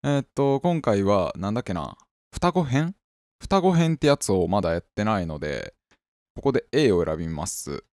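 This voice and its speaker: A man making casual, wry, bemused comments while playing a game, with loud game music behind. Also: lowish voice, very animated, moderate pace, dry recording, studio quality. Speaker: let's play host.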